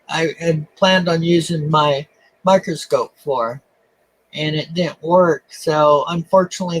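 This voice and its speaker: Man, fairly high voice, dry webcam sound, casual coin stream host, halting and self-deprecating. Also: no echo, poor audio. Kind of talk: casual live-stream chat.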